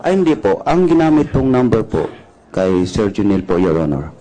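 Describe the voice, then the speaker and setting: A man testifying as a witness at a hearing, answering deferentially and politely, halting and restarting often. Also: fairly low pitch, sing-song, mellow, low-quality recording. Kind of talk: testimony under questioning.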